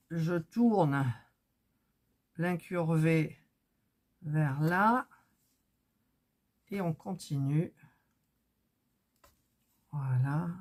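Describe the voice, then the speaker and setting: A woman chats her way through a hands-on craft project, thinking out loud as she works. Her voice sits on the low side and she speaks slowly and unhurriedly. When things go wrong she turns flustered and exasperated. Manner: chatty, thinking aloud, gets flustered and exasperated. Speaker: craft vlogger. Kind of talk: casual crafting vlog.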